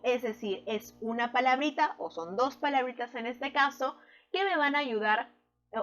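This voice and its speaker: A woman teaching a recorded grammar lesson, patiently explaining rules and checking in with short tag questions. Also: on the high side.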